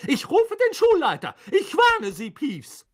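A man's voice: very high-pitched, wildly swooping pitch, normal speed, pitched above the performer's own voice, heavily acted. Man playing a stern, barking old headmistress. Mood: furious commanding. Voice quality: sharp barking commands. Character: stern older female deputy headmistress, fierce.

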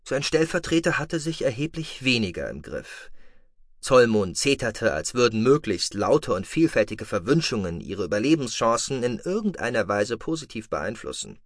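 A man narrating a science-fiction audiobook in an expressive storytelling manner. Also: mid-range voice, normal speed, no room sound, studio quality. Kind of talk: scripted narration.

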